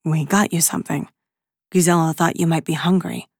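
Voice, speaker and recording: A woman voicing a friendly young man who speaks lower and slower, confiding and sly. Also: fairly even intonation, a little mellow, breathy edge, no echo, clean studio sound.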